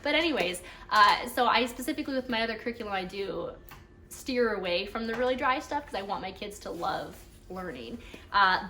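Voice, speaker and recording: Seated at her home table, a woman who homeschools her kids chats about a reading curriculum in a mid-range, fairly bright voice. The review is casual and meandering, full of "anyways," and the recording has faint background noise and clicks.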